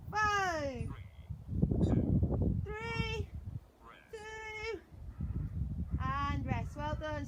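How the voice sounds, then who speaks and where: A woman's voice: extremely high pitch, noisy background. A woman fitness instructor leading a live workout class with short repeated commands, counts and encouraging cues. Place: outdoors in a back garden.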